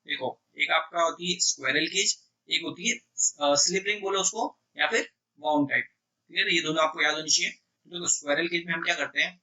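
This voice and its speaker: A man teaching electrical engineering exam questions in Hindi mixed with English, who keeps checking "clear?" and reads the English questions out slowly. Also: a little high, pushed and bright, distant mic, rough recording. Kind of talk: exam prep lecture.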